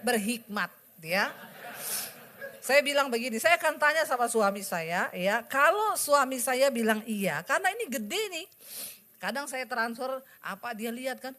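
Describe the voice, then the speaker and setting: A woman, giving a lively sermon testimony to a congregation and acting out dialogue as she tells it. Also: on the high side, moderate pace. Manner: animated storytelling, acting out dialogue with laughs.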